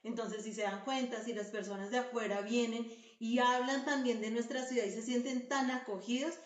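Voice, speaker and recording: A woman's voice: on the high side, steady tone, moderate pace. A woman from Bogotá with a Bogotá Colombian accent, hosting a podcast interview with conversational questions. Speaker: podcast host. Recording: echoey room.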